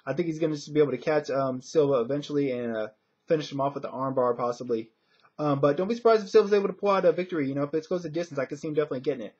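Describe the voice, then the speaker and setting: In dull lo-fi audio, a man gives casual fight predictions like a commentator, hesitant and conversational. His voice is a little high, a little mellow and husky, and he talks rapid-fire.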